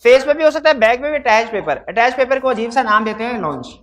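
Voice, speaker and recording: High-pitched man lecturing with a sore throat. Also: animated, fast, a bit bright. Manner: quizzes students with repeated questions. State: throat trouble, talking loudly. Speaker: law teacher. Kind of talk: classroom lecture. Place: hybrid classroom. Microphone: microphone.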